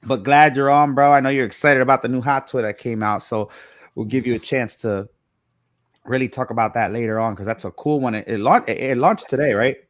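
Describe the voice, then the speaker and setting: A man's voice: mid-range voice, a little fast, dry recording, studio quality. A man hosting a casual live-stream chat, upbeat, greeting guests and reading comments over a video call. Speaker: host.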